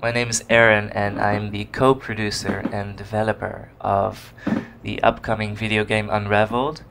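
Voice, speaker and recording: A man from the Netherlands with a Dutch accent rambles through casual let's play commentary on his own game, searching for words. His fairly low, creaky voice holds a level tone at normal speed, recorded on a computer via desk mic with game music and background noise.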